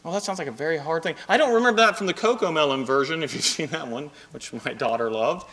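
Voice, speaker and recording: A man's voice: fairly high pitch, fast, fairly bright tone. A man preaching a sermon as pastor, telling stories and rising into emphatic bursts.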